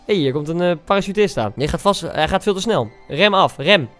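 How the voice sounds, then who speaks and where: A young man's voice, pitched a little above average and smooth and crisp, reacts to clips in casual commentary. He sounds incredulous and teasing, firing off quick exclamations. Soft music plays faintly underneath. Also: expressive. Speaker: YouTuber.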